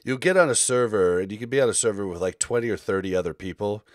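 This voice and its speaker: A man co-hosting a casual gaming podcast, talking excitably and swearing casually. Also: lowish voice, quick pace, no echo. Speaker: podcast co-host.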